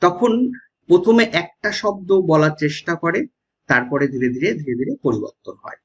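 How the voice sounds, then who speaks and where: Husky-voiced Bengali teacher explaining. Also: male voice, fairly high pitch, lively intonation, moderate pace. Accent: West Bengal Bengali. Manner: explanatory, often checks with "ঠিক আছে?". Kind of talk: exam-prep lecture. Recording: dull lo-fi sound.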